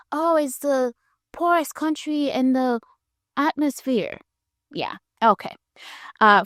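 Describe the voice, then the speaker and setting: A woman in her thirties from Haiti, hosting a podcast and telling her own story in a candid, animated, conversational way. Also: fairly high pitch, no room sound, clean studio sound. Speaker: podcast host.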